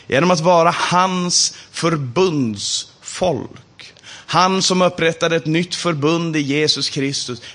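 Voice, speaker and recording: A man's voice: fairly high pitch, fairly bright tone. A man teaching from the Bible in a sermon, emphatic and building on repeated phrases.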